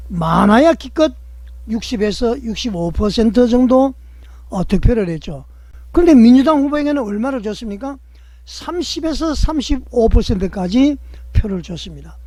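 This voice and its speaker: A man's voice: extremely high pitch, a little mellow, no echo. A man hosting political commentary in a rhetorical style, putting questions to the audience and leaning on a stretched filler between phrases.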